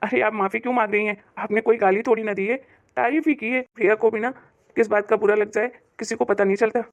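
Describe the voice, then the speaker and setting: A woman's voice: a little high, steady tone, fast talker, natural voice. A woman voicing an easygoing, stylish brother-in-law in a cartoon story, breezy and good-humoured.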